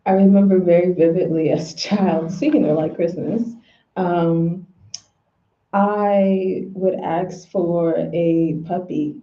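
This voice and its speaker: A woman's voice: fairly low pitch, steady tone, slow pace. Woman, casual spiritual chat, candid storytelling, slang, roomy echo, dull lo-fi sound.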